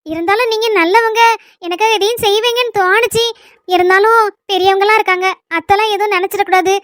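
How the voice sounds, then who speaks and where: A woman playing a shy, grateful young wife who speaks softly and hesitantly in a family skit. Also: extremely high pitch, steady tone, no room sound, studio quality. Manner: soft, hesitant, quick.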